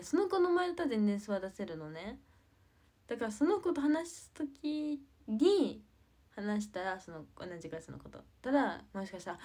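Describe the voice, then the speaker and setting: A teenage girl with a soft, quiet voice, chatting casually on a livestream, rambling with many fillers and giggles. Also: medium pitch. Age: teens. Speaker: idol livestreamer.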